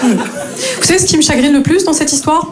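A woman from north-east France telling an animated stand-up story on a club stage, peppering it with "hein" and laughing asides. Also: high-pitched, quick pace. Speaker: stand-up comedian. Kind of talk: stand-up comedy set. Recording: live club recording with crowd noise. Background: audience laughter.

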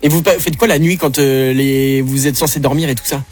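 A man's voice: medium pitch, fairly even intonation, brisk, a little mellow, breathy edge, faint music behind. A man co-hosting a radio show who asks the guest curious, interested questions. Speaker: radio co-host. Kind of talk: casual chat.

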